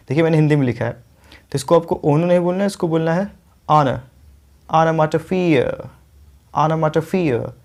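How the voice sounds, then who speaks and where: A man teaching an English lesson, explaining pronunciation step by step and repeating each word slowly for his viewers. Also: on the high side, gravelly, warm tone. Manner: often adds "ठीक है" and addresses viewers as friends.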